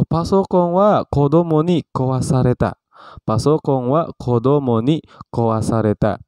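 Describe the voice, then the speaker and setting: A man teaching a casual vocabulary lesson, calling out each new word brightly and explaining it with relaxed, chatty example sentences. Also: medium pitch, dry recording. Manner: relaxed, chatty, frequent fillers. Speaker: Japanese language teacher.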